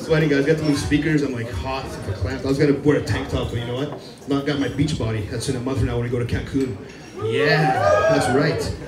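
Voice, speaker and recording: A comedian with a medium-pitched voice and fairly even intonation works a live club crowd at a brisk pace, rambling, mocking himself and laughing at his own jokes. A distant mic captures roomy audio with laughter.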